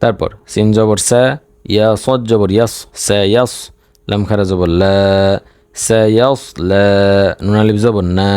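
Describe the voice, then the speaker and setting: A man teaching Quran reading, spelling out syllables one by one and then reciting them slowly, with a Bangladeshi Bengali accent. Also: fairly low pitch, dark tone, clean tone, no echo.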